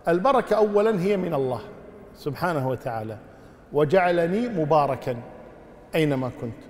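Fast-talking male scholar in a reverberant hall. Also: on the high side, animated, a little mellow. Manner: measured, full of pious formulas. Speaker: Islamic scholar answering questions. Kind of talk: religious Q&A lesson.

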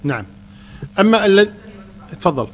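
A man, a Quran teacher calmly answering questions in a religious lesson. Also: sits high, brisk, slight background noise.

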